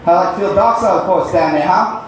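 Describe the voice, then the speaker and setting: In an echoey comedy club, a young man with a high-pitched voice rattles through a stand-up set fast, rambling awkwardly and putting himself down. A distant mic picks him up along with background noise.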